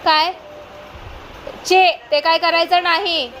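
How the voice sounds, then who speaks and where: A woman's voice: extremely high pitch, steady tone, slow pace, noisy background. A young woman scolding her toddler at home, stern and firm, asking the same question over and over. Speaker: mother.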